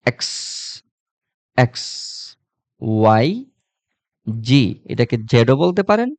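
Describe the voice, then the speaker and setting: Slow-talking man teaching pronunciation. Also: mid-range voice, expressive, a little mellow, no room sound. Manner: repeats each sound and quizzes listeners. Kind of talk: slow spoken lesson. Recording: dull, lo-fi sound.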